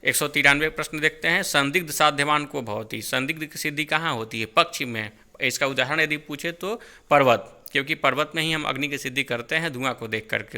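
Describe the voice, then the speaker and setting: Man quizzing students, bright forceful voice. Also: medium pitch. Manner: quizzing, asks then answers, self-correcting. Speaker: Sanskrit exam tutor. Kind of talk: exam-prep lecture.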